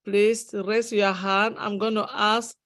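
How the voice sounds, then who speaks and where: A woman's voice: mid-range voice, little pitch movement, slow pace, fairly bright tone, no room sound, studio quality. A woman moderating a webinar, calling on participants to unmute. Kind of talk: moderating callers.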